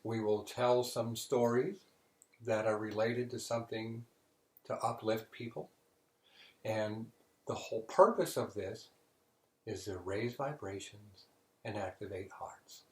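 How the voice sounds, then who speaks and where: A man hosting a casual spiritual session, telling stories in a relaxed way. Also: lowish voice, a little slow, roomy sound. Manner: relaxed storytelling, joke-telling.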